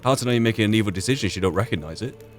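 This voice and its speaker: A gamer with a lowish voice races through reflective solo commentary on his roleplay playthrough, musing both in and out of character. He keeps asking himself philosophical, rhetorical questions while video game music plays behind him.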